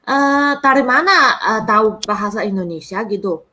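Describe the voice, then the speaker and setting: A young woman from China with a Chinese accent, answering interview questions hesitantly as a foreign student, with many pauses. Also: medium pitch, animated, sharp tone. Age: young adult. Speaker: student guest. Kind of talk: online talk show interview answers.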